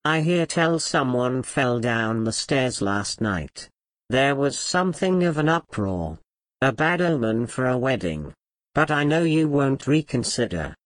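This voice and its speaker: A frail, malevolent old grandfather, as a male narrator puts him on, sly and taunting. His pitch rises and falls in a lively way, and the sound is dry and close. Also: unhurried, no echo, poor audio.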